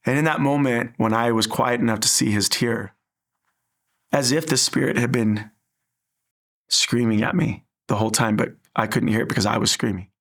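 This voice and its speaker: A man's voice: lowish voice, vocal fry. A man sharing an earnest personal faith story in an interview, acting out the dialogue as he tells it.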